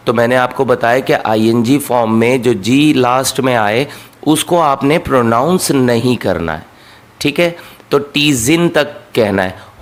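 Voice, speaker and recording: A man teaching an English listening lesson, explaining in Hindi and repeating sample sentences slowly. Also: mid-range voice. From Pakistan. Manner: slow drilled repetition of English sentences.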